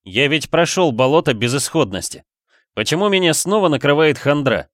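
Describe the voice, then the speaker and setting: Brief: male narrator doing a miserable young man who flares into shouting fury, a strained voice in a dry read. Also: fairly high pitch, lively intonation, normal speed, no echo, voice pushed up, natural voice. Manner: tense, shouting outbursts. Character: anguished guilt-ridden young man, quick to rage. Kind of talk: audiobook character voice.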